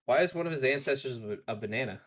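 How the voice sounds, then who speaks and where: A man's voice: mid-range voice, expressive, fast. A man chatting casually while reading game dialogue aloud with a friend. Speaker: co-player reading game lines.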